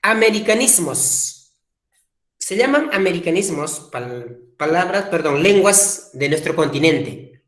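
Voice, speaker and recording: Slow, echoey male teacher. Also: on the high side, sing-song, fairly bright tone. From Peru. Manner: repeats key words slowly for emphasis. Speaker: language teacher. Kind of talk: classroom lecture. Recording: echoey room.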